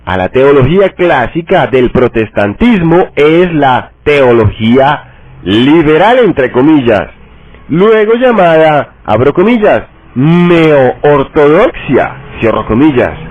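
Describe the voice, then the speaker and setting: A man reads a text aloud at a slow, deliberate pace, and he says each quotation mark out loud. His voice is a little high and moves a lot in pitch. The sound is dry and narrow, like a phone line. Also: very animated, no echo. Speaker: reader.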